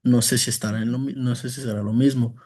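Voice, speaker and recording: A male student answers a question in class in a mellow, darker voice. He sounds hesitant and unsure, trailing off and restarting his sentences. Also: mid-range voice, fairly even intonation, fast talker.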